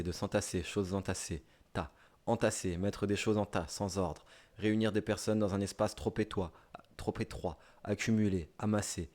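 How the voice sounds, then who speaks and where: A man's voice: lowish voice, darkish tone. A man with a southern French accent, a streamer reading dictionary definitions aloud live in short listed phrases, with offhand asides. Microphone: streaming microphone.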